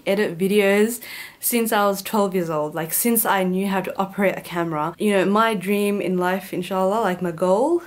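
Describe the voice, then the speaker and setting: A young woman chats through a casual Q&A vlog, joking and adding lively asides as she goes. Her voice sits at an ordinary mid pitch for a woman. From Bangladesh. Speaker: YouTuber.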